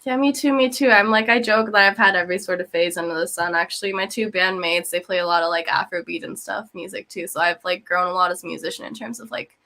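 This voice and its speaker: Bright young woman in her 20s, talky guest, lots of likes. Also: lowish voice, fast talker, few pauses. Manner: chatty and expressive, frequent "like". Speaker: guest musician. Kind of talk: casual interview chat.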